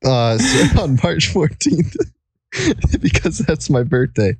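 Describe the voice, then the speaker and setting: A man's voice: on the high side, wildly swooping pitch, takes it slowly, breathy edge, dry recording. A young man hosting a casual podcast while recording under a blanket, rambling and giggling as he talks. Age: young adult. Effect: muffled, recording under a blanket. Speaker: podcast host.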